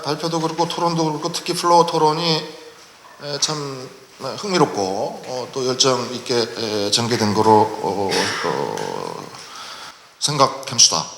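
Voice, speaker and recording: A middle-aged man from Jeju moderating a public forum in a formal, halting manner, with many pauses. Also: a little high, fairly bright tone. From Jeju, South Korea. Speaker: panel moderator. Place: large lecture hall at a public forum. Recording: echoey hall recording with faint noise.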